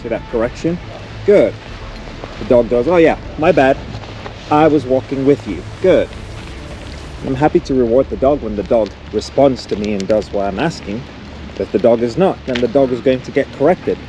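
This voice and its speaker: A dog trainer walks a dog along a street, speaking bluntly and directly to the viewer in outdoor training instruction. His medium-pitched voice is dark and expressive at a normal speed, with faint music behind.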